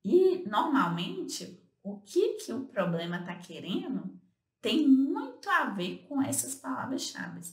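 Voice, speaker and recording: A woman co-host talks through study tips in a relaxed, explanatory way, her voice rising and falling with a lot of movement. She leans on little fillers as she goes. The sound rings a bit in an echoey room. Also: fairly high pitch, slow. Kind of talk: casual instructional talk.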